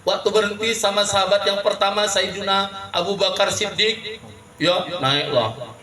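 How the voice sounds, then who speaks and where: High-voiced joking Indonesian preacher. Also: male voice, moderate pace, a crowd in the background. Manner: lively and joking, often calls out to the women in the audience. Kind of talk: humorous sermon to a live audience. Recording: echoey room, mic from a distance. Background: audience murmur and laughter.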